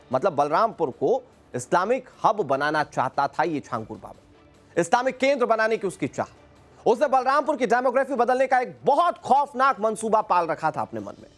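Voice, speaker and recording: A man presenting the news from the studio, speaking in a dramatic, emphatic way. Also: sits high. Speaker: news anchor.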